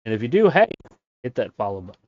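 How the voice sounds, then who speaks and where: A man streaming a game from a small closet office, chatting casually in a monotone way, with many fillers. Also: medium pitch, fast talker, dry recording, narrow, tinny audio. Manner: self-described monotone, rambling with fillers. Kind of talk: casual live-stream chat.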